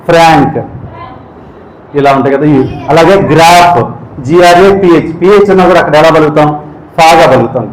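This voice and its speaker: A man teaching English speech sounds, often quizzing listeners and slowly repeating each sound. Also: on the high side. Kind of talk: spoken English phonetics lesson. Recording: echoey room.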